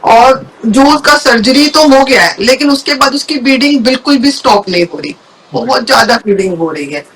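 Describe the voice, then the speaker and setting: A woman's voice: high-pitched, expressive, moderate pace, a bit bright. A woman guest telling a personal faith story in conversation, speaking earnestly and repeating words for emphasis. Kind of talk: emotional personal testimony in conversation.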